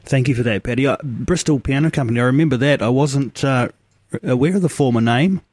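A man interviewing an author, asking polite questions with some halting repeats. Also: medium pitch, darkish tone, dry recording, studio quality.

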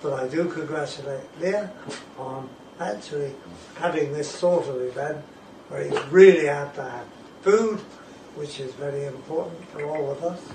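An older man, introducing himself in an unhurried, halting way. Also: fairly high pitch. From England. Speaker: guest. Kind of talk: casual self-introduction. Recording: echoey room, distant mic, noisy.

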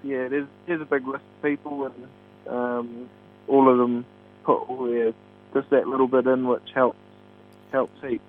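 A man's voice: mid-range voice, little pitch movement, measured pace. A man with a Kiwi accent giving a casual interview as a racing driver, hesitant and modest, over a phone. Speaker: stock car driver being interviewed. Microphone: phone call. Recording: tinny phone line with hum.

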